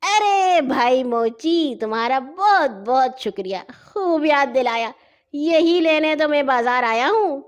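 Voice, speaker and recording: A woman playing a loud simple-minded village lad. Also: high voice, expressive, voice pushed up. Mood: cheerful. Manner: repeats phrases in a loud sing-song chant. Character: simple-minded foolish young male villager.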